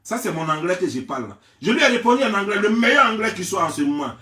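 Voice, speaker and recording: A young man from Côte d'Ivoire with an Ivorian French accent, ranting in a theatrical, mocking gossip vlog and often raising his voice to a shout. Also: high-pitched, very animated, fast talker. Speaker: gossip vlogger. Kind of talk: mocking gossip rant to camera. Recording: roomy, mic at a distance.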